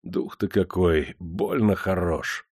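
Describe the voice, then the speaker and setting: A man's voice: medium pitch, fairly even intonation, normal speed, dark tone, clear, resonant tone, dry recording, clean studio sound, close to an everyday voice. A man voicing a domineering, cynical rich factory owner who barks commands, in a storybook reading. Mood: blissful.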